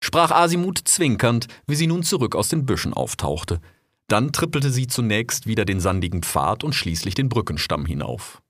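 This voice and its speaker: A man narrating an audio drama in a measured, even storytelling manner. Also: lowish voice, no room sound, clean studio sound.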